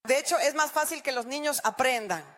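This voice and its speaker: A woman's voice: high voice, brisk, a bit bright. A middle-aged woman pastor preaching a sermon, often putting questions to the congregation.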